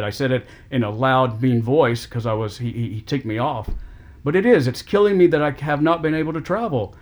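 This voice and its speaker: A middle-aged man in an emotional family conversation, with a voice of ordinary pitch. He talks haltingly, stumbling over repeated words and restarting his sentences as he goes. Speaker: family caregiver on a call.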